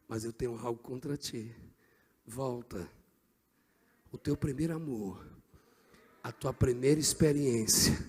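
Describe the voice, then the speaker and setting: A middle-aged male pastor preaching a Pentecostal sermon, swinging from hushed passages to shouted climaxes. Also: mid-range voice, husky, in a large hall.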